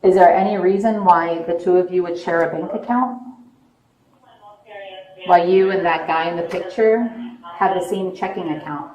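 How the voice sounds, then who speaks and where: A woman police officer questioning a suspect in a measured, persistent, probing way. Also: on the low side, a little mellow, dull audio. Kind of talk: interrogation, calm questioning. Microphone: police bodycam. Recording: echoey, distant body camera audio with noise.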